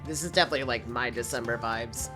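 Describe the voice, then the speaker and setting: A man's voice: mid-range voice, fast talker. A young man giving a casual music reaction, enthusiastic and rambling with lots of fillers. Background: faint music playing.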